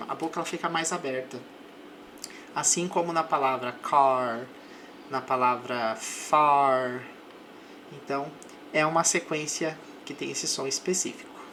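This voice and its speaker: Brazilian male English teacher, unhurried lesson voice that slows further on example phrases, faint background hiss. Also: on the high side, gravelly, pushed and bright. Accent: Brazilian Portuguese. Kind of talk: slow explanatory language lesson.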